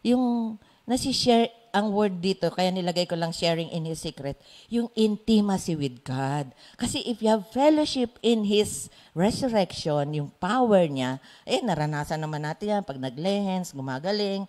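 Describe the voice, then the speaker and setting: A woman with a Filipino accent leading a Bible study, chatty and quick to laugh. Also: medium pitch, expressive, a little mellow. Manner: chatty, laughs often, mixes in English. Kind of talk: Bible study sharing in Taglish.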